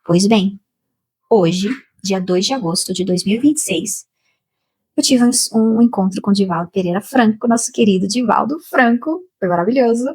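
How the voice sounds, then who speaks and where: A Brazilian woman slowly and emotionally telling a personal spiritual testimony, with many repetitions. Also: medium pitch, darkish tone, breathy edge. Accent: Brazilian Portuguese. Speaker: spiritual channel host.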